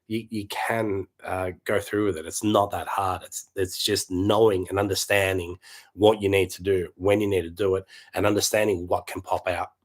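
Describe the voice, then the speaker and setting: A man in his late thirties, going hoarse as he chats casually to camera, rambling and repeating himself. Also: low voice, level tone, normal speed. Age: late 30s. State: losing his voice. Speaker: property vlogger.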